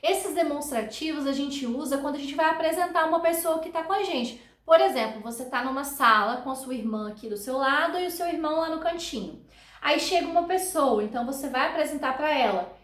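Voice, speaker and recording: An upbeat Brazilian woman teaches English online, her first language Portuguese showing in her accent. Her voice sits high, and she models short English phrases slowly for learners to repeat. The sound carries a noticeable room echo. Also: expressive, fairly bright tone.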